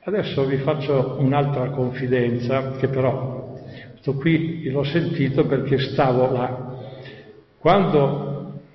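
An older man from Alto Adige giving an animated religious testimony to an audience, conversational and lively in his storytelling. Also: medium pitch, slight background noise. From Alto Adige, Italy. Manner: animated, conversational, acts out quoted voices. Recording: echoey hall, dull sound.

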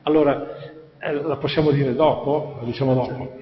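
A man's voice: medium pitch, normal speed. Older man telling stories in an echoey hall. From Alto Adige, Italy. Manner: animated, conversational, acts out quoted voices. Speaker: speaker giving a religious testimony. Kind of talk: storytelling talk to an audience. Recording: echoey hall, dull sound.

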